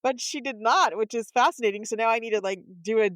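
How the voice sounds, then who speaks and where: A woman's voice: fairly high pitch, fast, a bit bright, clear, resonant tone, no room sound. A middle-aged woman talking conversationally as a co-host on a casual podcast.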